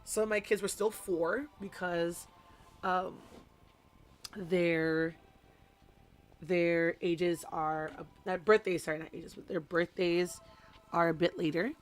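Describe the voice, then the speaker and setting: A woman's voice: fairly low pitch, fairly even intonation, slow, pauses often, soft background music. A woman who works as a kindergarten teacher, chatting casually and rambling through classroom anecdotes during a hobby live stream from home.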